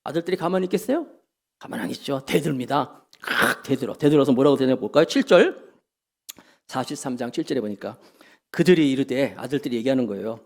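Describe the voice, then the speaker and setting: A man's voice: mid-range voice, animated, a little fast, a little mellow. A middle-aged man preaching a sermon as pastor, acting out the lines of biblical characters in dramatic voices and leading the congregation in reading scripture aloud.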